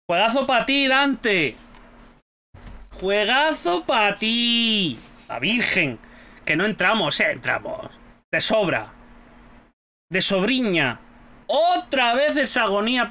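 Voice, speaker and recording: A young man from Spain with a Spanish accent, narrating his own online game run. His tone is bright, and his pitch leaps around with every exclamation as he cheers, curses and teases other players. He talks unhurriedly between bursts. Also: unhurried. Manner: excitable, exclaims and jokes loudly at the game. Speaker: gaming YouTuber. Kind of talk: casual gameplay commentary.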